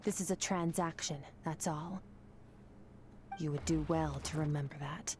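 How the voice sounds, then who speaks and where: A woman's voice: sits low, steady tone, unhurried, noisy background. A woman voicing a cold, aloof female warrior who speaks in a curt, detached manner, in game dialogue.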